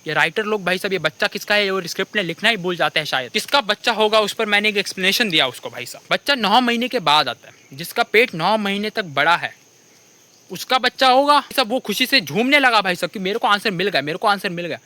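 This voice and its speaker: A young man with an Indian accent doing an animated comic rant, constantly repeating the same address to the listener. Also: high-pitched, quick pace. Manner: animated, keeps repeating "bhai sahab". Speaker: comedy creator.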